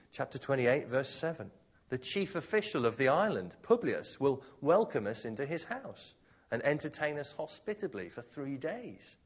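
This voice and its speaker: Male preacher, mid-pitched, husky, animated delivery; conversational expository sermon.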